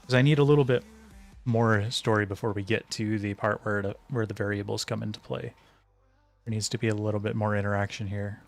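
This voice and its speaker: A man with a fairly low, steady, creaky voice talks a little fast. He's an indie game developer on a live stream, chatting casually as he works and hesitantly thinking out loud to himself over background music.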